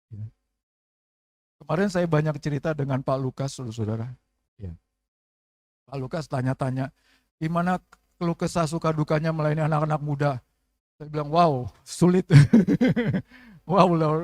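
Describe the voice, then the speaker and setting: Seorang pendeta pria paruh baya berkhotbah dalam ibadah gereja, sering bertanya kepada jemaat. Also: male voice, a little high, darkish tone, no room sound, studio quality. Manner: preaching with call-and-response questions and acted prayers. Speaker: pastor. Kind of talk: sermon. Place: church service.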